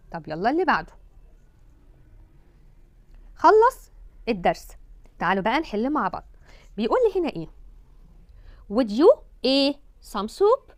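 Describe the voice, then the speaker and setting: A woman teacher with an Egyptian Arabic accent gives an English lesson for children, saying English words slowly and stretched out and then translating them. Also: a little high, no room sound.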